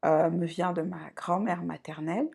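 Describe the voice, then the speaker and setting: A woman from Côte d'Ivoire and France introducing herself on her channel, speaking in a reflective, unhurried way and often pausing to search for words. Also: on the low side, fairly even intonation, vocal fry, darkish tone, husky. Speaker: channel host. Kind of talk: personal introduction vlog.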